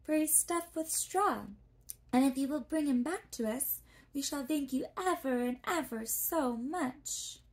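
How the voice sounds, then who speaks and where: Soft eager little girl in a storybook, a woman doing her voice, whispered role-play. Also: high-pitched, measured pace, voice pushed up. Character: eager polite young girl heroine.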